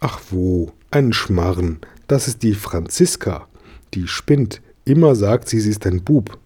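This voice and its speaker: A man's voice: lowish voice, expressive, a little slow, mellow, slightly rough. A man reading a storybook and voicing a spiteful little girl with a sly, mocking tone.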